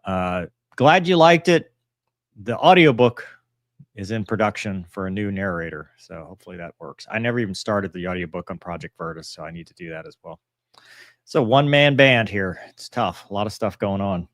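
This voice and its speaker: Answering viewer messages on a relaxed live stream, this pilot and author rambles matter-of-factly, frequently letting sentences trail away. His deep voice is animated and moderately paced, with clean studio sound and no room noise.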